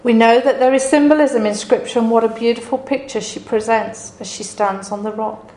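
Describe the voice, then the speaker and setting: Brief: woman preacher, fairly high voice, earnest and reflective, roomy sound. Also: fairly even intonation, brisk, darkish tone, a little hiss or hum. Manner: earnest, reflective, dramatic storytelling. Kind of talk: devotional Bible message. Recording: roomy echo.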